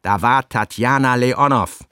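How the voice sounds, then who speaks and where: A man's voice: medium pitch, measured pace, loud music behind the voice. Man narrating a literary audiobook.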